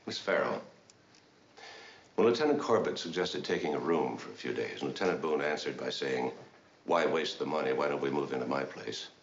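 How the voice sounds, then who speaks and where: A self-assured navy defense lawyer in a 1970s TV courtroom drama, needling a witness with dry wit. His voice sits extremely low and deep. The sound is dull and lo-fi, with a roomy echo. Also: lively intonation, brisk, a little hiss or hum. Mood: coaxing. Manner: smooth, wry cross-examining. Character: confident middle-aged male navy defense commander. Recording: echoey lo-fi TV soundtrack.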